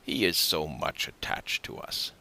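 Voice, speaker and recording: A man voicing a gentle, cautious old father, speaking softly. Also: extremely low pitch, very animated, measured pace, gravelly, full character voice. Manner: gentle, soft-spoken.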